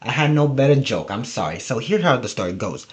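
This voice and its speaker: A man's voice: mid-range voice, sing-song, a little fast. A man giving casual, humorous, rambling video commentary, often interrupting himself, who says a w-like sound for r. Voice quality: trouble pronouncing R, says w-like sound for r. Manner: rambling, jokey, self-interrupting. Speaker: video host.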